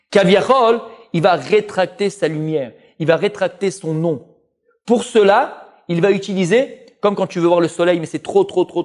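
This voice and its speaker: A man, a rabbi, giving an animated Torah lesson, speaking straight to his listeners. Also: a little high. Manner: animated, addresses listeners directly, full of Hebrew terms.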